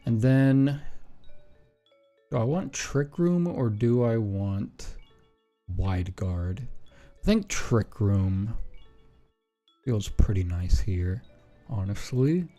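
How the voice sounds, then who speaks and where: A man streaming a game, thinking aloud in a relaxed way with frequent ums and self-corrections as he builds a team. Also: lowish voice, drawn-out words, pauses often, faint music behind. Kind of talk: casual stream commentary while building a team.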